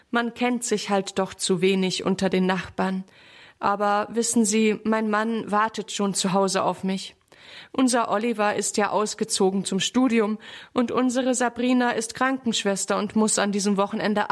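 A woman's voice: medium pitch, close to an everyday voice. A woman voicing a stately, talkative neighbor lady in a children's story, chatting in a gossipy way.

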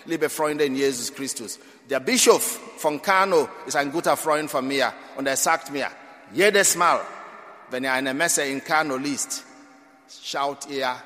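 A Nigerian priest preaches a sermon at mass in a slightly high, bright, forceful voice. He is emphatic, his volume swelling and dropping dramatically, and the church adds a long reverb.

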